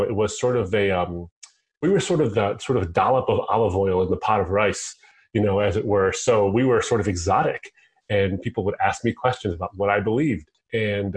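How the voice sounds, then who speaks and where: A middle-aged American man, a guest on the line, telling his own story in an earnest, conversational way. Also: fairly low pitch. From United States. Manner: earnest storytelling, quotes himself in asides. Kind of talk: conversational interview. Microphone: phone line.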